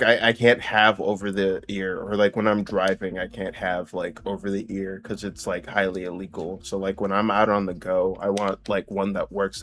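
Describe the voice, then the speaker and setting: A man's voice: on the low side, fairly bright tone. A man co-hosting a podcast, griping bluntly and swearing in casual chat. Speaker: podcast co-host.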